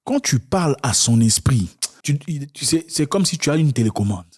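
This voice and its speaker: A man giving emphatic relationship advice straight to camera, lecturing his listeners and breaking into sudden high-pitched outbursts. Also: sing-song, moderate pace, darkish tone, breathy edge. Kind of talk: direct-to-camera advice talk.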